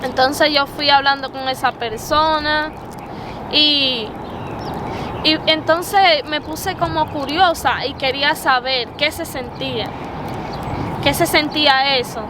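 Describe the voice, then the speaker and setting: High-voiced young Dominican woman, hesitant. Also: slow. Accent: Dominican Spanish. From Dominican Republic. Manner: earnest, hesitant, with many fillers and repeated words. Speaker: interview guest, preacher. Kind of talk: personal testimony interview. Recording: noisy outdoor recording with traffic.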